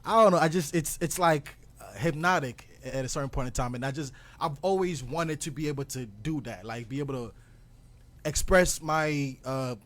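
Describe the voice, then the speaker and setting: A young man from Ghana, appearing as a guest music producer, speaks earnestly and reflectively in a casual interview, full of ums and restarts. His voice is a little high and a bit bright, at a normal speed.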